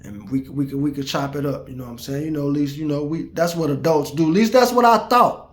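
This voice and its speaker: Forties man vlogger venting to viewers, cussing freely, animated, slightly high voice, echoey room. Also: fast. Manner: profane, animated, talks straight to viewers. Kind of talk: casual storytelling rant to viewers.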